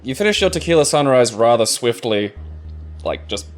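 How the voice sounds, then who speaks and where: A man's voice: medium pitch, animated, normal speed. A man co-commenting on a video game in casual chat, laid-back, joking crudely and laughing often. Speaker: let's play co-commentator.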